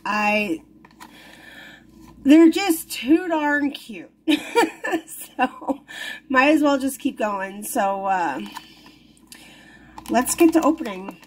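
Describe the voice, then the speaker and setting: This toy unboxing vlogger has a high-sitting voice with lively intonation, drawing out her words and leaving long pauses. Giggly and quick to be delighted, she chats casually at an indoor wooden table, shown only by her hands from a camera above.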